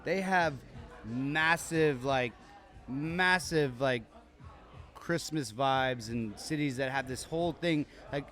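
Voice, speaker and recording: Soft music plays behind a medium-pitched, somewhat bright male voice. He's co-hosting a podcast recorded live in a bar, chatting casually in an upbeat, rambling manner full of false starts.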